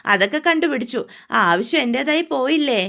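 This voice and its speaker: A determined young woman, voiced by a woman narrator who is impatient and bold. Her voice is high and confident. This is storybook narration. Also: expressive, fairly quick, vocal fry, sharp tone, full character voice.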